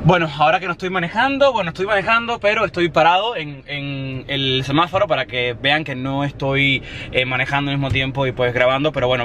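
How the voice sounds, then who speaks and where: A man's voice: medium pitch, pushed and bright, slight background noise. A young man from Cuba chatting to a handheld camera in a casual, upbeat vlog, slipping in English phrases. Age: young adult. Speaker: vlogger. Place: bedroom, car and hotel, indoors mostly. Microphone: handheld camera at arm's length.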